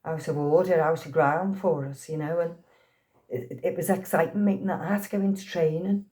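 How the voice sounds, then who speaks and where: This woman's voice is low, steady and dark, and she talks a little fast. She's an actress in her sixties from Liverpool, England, with the local accent, laughing frequently as she shares stories in a relaxed interview.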